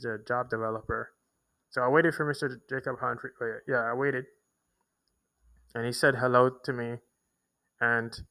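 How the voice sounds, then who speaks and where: A young man rambles through a personal story with lots of false starts and repeats. His voice is gravelly and bright, and it sits at an ordinary pitch for a man. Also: rough recording. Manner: rambling, repetitive, with many restarts and fillers. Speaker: vlogger. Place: homeless shelter in a big city.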